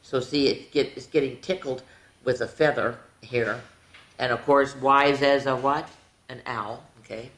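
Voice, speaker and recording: An older woman with a bass voice reads picture books to children, speaking a little slowly with fairly even intonation in a reverberant space. She plays with her young listeners, addressing them directly and dropping in chatty, folksy asides.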